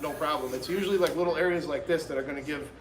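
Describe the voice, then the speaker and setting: A barber hosting a live haircut tutorial talks rapid-fire in a fairly high voice, using slang and speaking straight to viewers. The audio is poor and reverberant.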